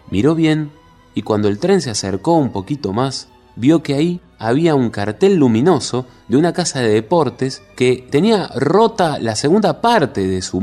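Male storyteller, expressive and lively, wide swooping pitch, faint music under the voice. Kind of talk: scripted story narration.

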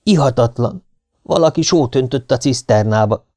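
A man's voice: medium pitch, lively intonation, dark tone, close to an everyday voice. A man voicing a panicked male sergeant of a desert fort, breathless and stammering, in an audiobook. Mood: shaken. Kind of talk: audiobook narration.

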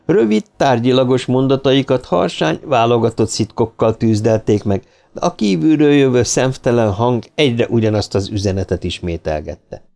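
A man narrating a science fiction audiobook in a measured storytelling manner. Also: mid-range voice, expressive, gravelly, darkish tone. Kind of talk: scripted narration.

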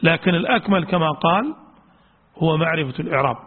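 A man's voice: a little high, animated, fast talker, breathy edge. A man giving a religious studies lecture on Quran exegesis, explaining a text, repeating key points and reading quotes aloud. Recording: tinny lo-fi lecture recording with long hall reverb.

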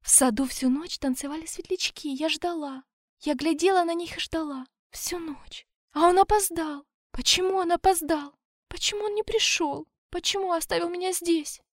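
A woman's voice: a little high, steady tone, slow pace, clean tone, dry recording, studio quality. A woman voicing a possessed young female elf whose voice swings between wailing, drunken slurring and cold threats. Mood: tearful lament.

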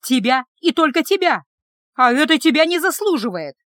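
A woman voicing a furious young village woman who shouts and scolds shrilly. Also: high voice, very animated, normal speed, dry recording, voice pushed up. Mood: furious, shrill.

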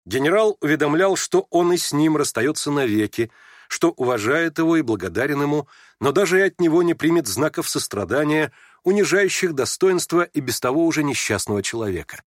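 Man reading a novel aloud, kinda high voice, dry close mic. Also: lively intonation, fairly quick, dry recording. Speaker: audiobook narrator. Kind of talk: scripted narration of a classic novel.

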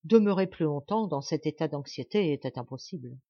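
A woman reading a classic novel aloud as an audiobook in calm, even storytelling. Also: low voice, fairly quick, dry recording, dull audio. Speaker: audiobook reader. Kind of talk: scripted narration of a classic novel.

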